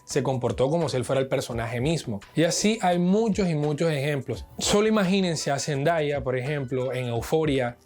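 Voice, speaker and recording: A man teaches acting in a video lesson. He talks straight to the viewer in a didactic, chatty way, slipping in casual asides. His voice sits a little high. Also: moderate pace, few pauses, a little mellow, soft background music.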